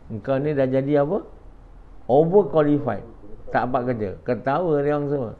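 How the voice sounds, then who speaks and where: A man's voice: medium pitch, normal speed. A man giving an after-dawn religious lecture, often asking the audience questions and dropping in short "ha" interjections. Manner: peppers speech with short "ha" interjections. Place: a house in a residential area. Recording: dull lo-fi recording.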